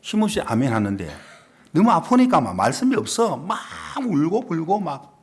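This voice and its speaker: An older man, a pastor, preaching a sermon as a story, moving between hushed asides and loud, emphatic preaching. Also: on the high side, wildly swooping pitch, moderate pace, husky. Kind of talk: sermon with acted dialogue.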